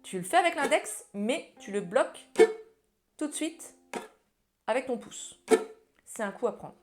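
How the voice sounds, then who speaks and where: A ukulele teacher with a slightly high voice and lively intonation takes her time in a casual tutorial, speaking over music and ukulele playing. She talks to the viewer in a friendly, informal way, addressing them as tú.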